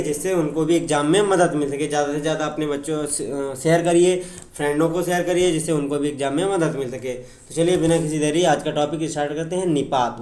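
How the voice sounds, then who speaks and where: A man's voice: a little high, darkish tone, reverberant. A man teaching an exam-prep grammar lecture, explaining with examples, repeating points and often checking in with his students.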